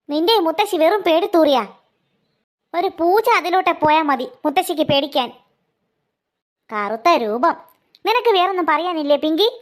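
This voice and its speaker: A woman voicing a stern, impatient mother in a cartoon, who scolds the household. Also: extremely high pitch. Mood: scolding. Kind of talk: cartoon voice acting.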